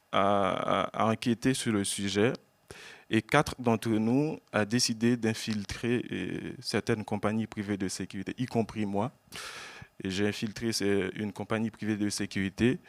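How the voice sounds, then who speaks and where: Earnest man, low voice. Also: no echo. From Haiti. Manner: earnest, measured, often halting to repeat words. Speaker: exiled journalist speaking at an event. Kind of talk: personal testimony to an audience.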